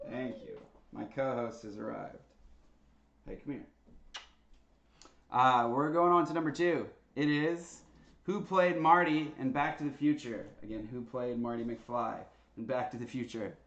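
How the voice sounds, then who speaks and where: A man casually hosting a live-streamed trivia night, chatty and quick to laugh between answers. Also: mid-range voice, a bit bright, highs cut off. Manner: chatty, laughs easily, lots of uh fillers.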